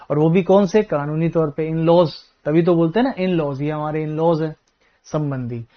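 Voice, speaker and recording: Chatty high-voiced male teacher. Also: highs cut off. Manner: chatty, asks the class questions and answers them himself. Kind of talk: live online class lecture.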